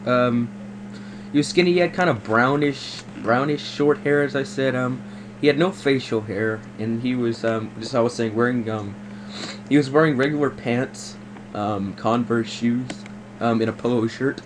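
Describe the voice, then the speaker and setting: A prank caller posing as a customer speaks at normal speed in a mid-range voice. His phone complaint is courteous but halting, and he keeps repeating himself. There is faint background noise on the call recording.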